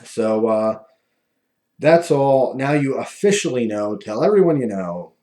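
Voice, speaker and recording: A man talking casually and ramblingly to viewers, with a lispy voice from missing front teeth that softens his F and V sounds. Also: medium pitch, animated, a little slow. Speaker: video host.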